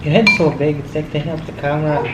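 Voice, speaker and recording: A young man talks quickly and casually, teasing as he goes. The room is echoey, with clear dish noise behind him. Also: fairly high pitch, steady tone. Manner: teasing, joking. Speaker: sibling joining the challenge. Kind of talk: casual chat. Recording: echoey room with clinking dishes.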